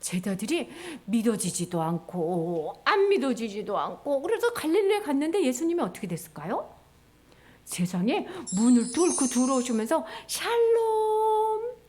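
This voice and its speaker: A woman's voice: fairly high pitch, very animated, normal speed, darkish tone. A woman teaching children in church, telling a Bible story with playful questions.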